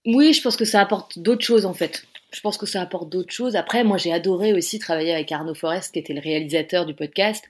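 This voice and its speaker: Casting: female author interviewee, French accent, low-ish register, conversational, feeling her way through sentences. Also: quick pace, hardly any pauses. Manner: hesitant, searching for words.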